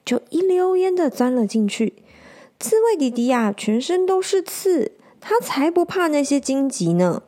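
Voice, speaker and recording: A woman reading a children's picture book aloud, gently stopping to explain words. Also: high-pitched, very animated, unhurried. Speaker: storyteller.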